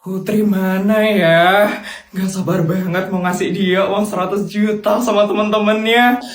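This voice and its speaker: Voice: mid-range voice, fairly even intonation, unhurried, echoey room, close to an everyday voice. A voice actor playing a doting, wealthy mother who sweetly spoils her daughter and her daughter's friends. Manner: sweet, indulgent, generous. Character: doting rich mother giving children money.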